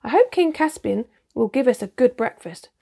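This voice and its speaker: A woman's voice: on the high side, animated, normal speed, vocal fry, mellow, breathy edge, pitched above the performer's own voice, heavily acted. A woman reading the lines of a cocky, teasing younger brother in a storybook, with a breezy, confident manner.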